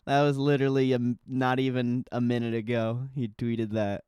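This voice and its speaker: A man's voice: medium pitch, little pitch movement, normal speed, darkish tone, clear, resonant tone, no echo. A young man chatting casually on a livestream like a laid-back crypto bro, slangy and sweary. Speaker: livestream host.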